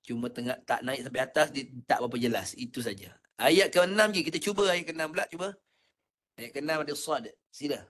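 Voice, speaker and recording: Patient Malaysian ustaz coaching recitation. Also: male voice, mid-range voice, fairly bright tone. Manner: patient, coaching, demonstrates sounds slowly. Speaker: Quran recitation teacher. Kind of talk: online class teaching.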